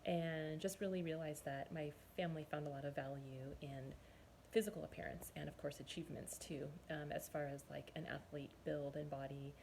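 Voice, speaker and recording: A woman in her forties speaks in a low, gravelly voice. She tells her own story as a nutrition and fitness coach, chatty and earnest, often pausing to recall. A faint hiss sits under her voice. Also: fairly even intonation, darkish tone. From Southern California, US. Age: 40s. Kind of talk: personal testimonial monologue.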